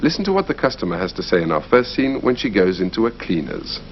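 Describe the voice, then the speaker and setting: Lively male language-course presenter. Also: sits low, fast. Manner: clear, explanatory, lively delivery. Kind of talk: scripted educational narration. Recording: slightly muffled broadcast audio, faint hiss.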